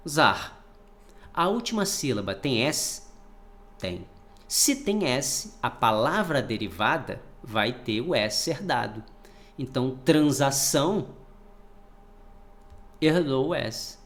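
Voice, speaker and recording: A man's voice: medium pitch, slow pace, pauses often. A man teaching a spelling lesson for exam prep, asking questions and then answering them himself. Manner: lively, asks and answers his own questions.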